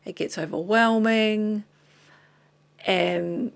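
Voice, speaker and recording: Showing things to the camera, a New Zealand woman vlogs in a chatty, rambling, self-deprecating manner that keeps drifting off topic. She is tired, slightly hoarse and losing her voice, speaking extremely slowly in a mid-range voice with fairly even intonation.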